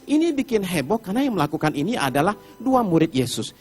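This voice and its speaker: Animated preacher man. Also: high-pitched, fast talker. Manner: animated storytelling, acts out Bible characters with shouted pleas. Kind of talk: sermon. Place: church hall.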